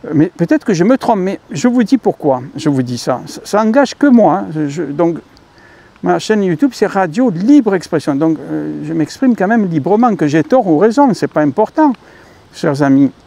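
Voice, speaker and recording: A man's voice: high voice, big pitch swings, normal speed, gravelly, warm tone. A man with a French accent hosting his own channel, talking in a rambling casual monologue full of fillers and self-corrections, calling viewers dear friends. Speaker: YouTube channel host.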